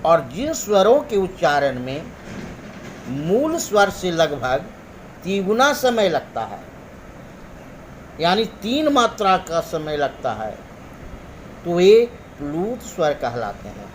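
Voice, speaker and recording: A man teaching a grammar lesson, explaining slowly and deliberately and drawing out each example sound. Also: a little high, big pitch swings, a little hiss or hum. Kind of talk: classroom lesson.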